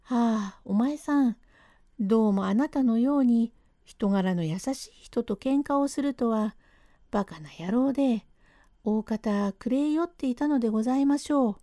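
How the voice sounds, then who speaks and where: A woman's voice: on the high side, moderate pace, mellow, no echo, clean studio sound, natural voice. A woman voicing a humble, hard-of-hearing old man in a rakugo storytelling reading. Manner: polite, rambling, mishears everything. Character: elderly male plasterer's father, hard of hearing, humble.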